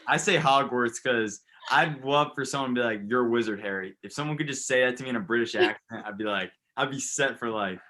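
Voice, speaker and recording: A young man with a bright, forceful voice runs a casual sports interview. He keeps it light and jokey as he reads out would-you-rather questions, and his voice sits at an ordinary middle pitch for a man. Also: a little fast, few pauses.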